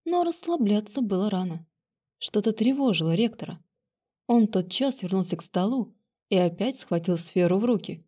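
Female audiobook narrator, expressive fantasy reading, warm mellow tone. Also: medium pitch, moderate pace, slightly rough.

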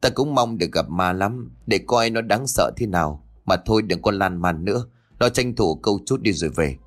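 A doubtful young man from the city, brisk and dismissive about ghosts, as the narrator voices him. The voice is fairly low and lively, close to the storyteller's own. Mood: skeptical. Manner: skeptical, brisk.

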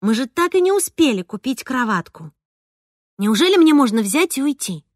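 A woman narrating a first-person novel with a lively, expressive reading. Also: sits high, moderate pace, no room sound, studio quality. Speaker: audiobook narrator.

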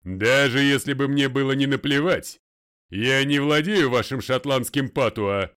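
A man voicing a domineering older male lawyer in an audiobook, loud, commanding and deliberate. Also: medium pitch, clear, resonant tone, natural voice. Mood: furious. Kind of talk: audiobook character voice.

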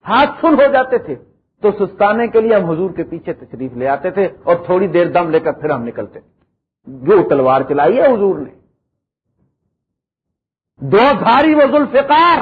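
A middle-aged male preacher giving a dramatic lecture, swinging between emphatic high lines and quiet low ones, reciting verse slowly. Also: slightly rough. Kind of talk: Urdu religious lecture. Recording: tinny phone-like lecture recording.

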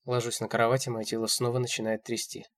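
A man narrating a first-person audiobook in a steady, measured reading. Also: mid-range voice.

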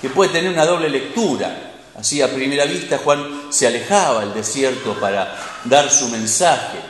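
A man preaching a sermon, expressive and asking rhetorical questions. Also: mid-range voice, moderate pace, a little hiss or hum. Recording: echoey hall with long reverb.

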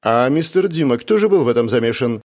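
A man's voice: mid-range voice, expressive, fast talker, a little mellow, voice pushed up, natural voice. A man voicing a cold, stern young woman. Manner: cold, clipped questioning.

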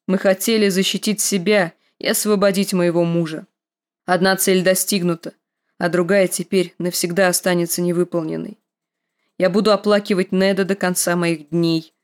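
Woman narrator, audiobook reading, measured delivery, mid pitch. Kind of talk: audiobook reading with voiced dialogue.

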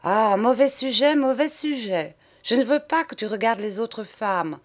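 A woman's voice: fairly high pitch, expressive, unhurried. A woman voicing a doting cook in her forties who pleads in a plaintive tone. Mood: pleading.

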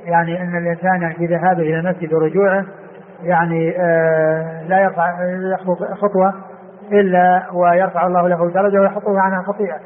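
A man giving a classical Arabic lesson on hadith, explaining in an unhurried way, repeating phrases and using many fillers. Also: high-pitched, flat delivery. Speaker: hadith teacher. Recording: tinny phone-like lo-fi recording with faint hiss.

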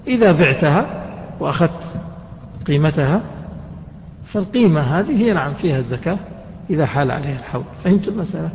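A man's voice: on the high side, lively intonation, fast talker, pauses often, a little hiss or hum. A man teaching a jurisprudence class, often quizzing his students with questions and colloquial asides. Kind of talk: classroom lecture explaining a text. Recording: dull reverberant lecture hall recording.

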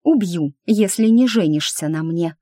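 A pushy, indignant young woman student hunting for a husband, put on by a woman narrator. She pitches up from the narrating voice and hits her words harder, in a dry, close reading. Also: animated, unhurried, mellow, dry recording. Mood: threatening.

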